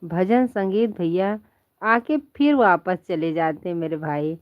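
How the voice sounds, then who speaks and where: Woman host, casual live chat, slow and playful, lo-fi phone audio. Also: fairly low pitch, no room sound. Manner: chatty and playful, laughs often, calls viewers "my child". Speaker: live-stream host chatting with viewers. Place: at home in bed under a quilt.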